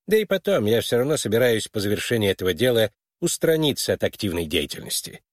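A man's voice: fairly low pitch, sing-song, quick pace, dry recording. A man reading an audiobook and voicing a tired, irritable old male official with old-fashioned gallantry. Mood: tired, irritated.

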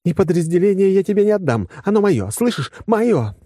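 A man's voice: a little high, expressive, moderate pace, warm tone, no room sound, clean studio sound, voice pushed up, close to an everyday voice. A man voicing a young woman officer in an audiobook, teasing and touchy, flaring up over what she holds. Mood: heated. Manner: teasing, flaring into possessive outbursts. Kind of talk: audiobook character voice.

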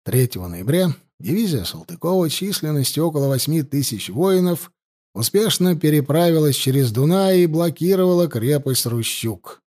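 A man narrates an audiobook in a dramatic, scripted read. His voice sits fairly high for a man, and he slows down to lean on the key moments. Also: expressive, dark tone.

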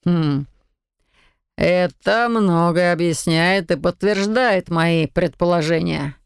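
Brief: reader doing an arrogant male shadow mage, slow and sneering, slightly lower, smooth dry sound. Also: dry recording, exaggerated voice. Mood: smug. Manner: sneering, condescending, unhurried. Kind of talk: audiobook character reading.

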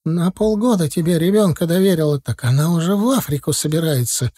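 A man voicing a furious, sarcastic middle-aged mother in an audiobook, hissing and shouting. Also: on the high side, brisk, pitched above the performer's own voice, natural voice.

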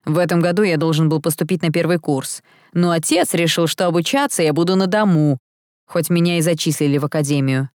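A woman reading a haughty young half-angel man from a storybook, flippant and mocking. The voice sits low with a dry, close sound. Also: a little fast, darkish tone, no room sound, close to an everyday voice.

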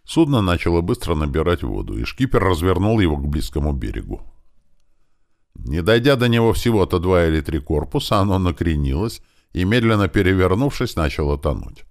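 A man with a very deep, low voice reads an audiobook. His delivery is lively, and his pitch rises and falls a lot as he moves through the story. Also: a little fast, gravelly. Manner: lively, shouting out the characters' battle commands. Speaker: audiobook narrator. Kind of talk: audiobook narration.

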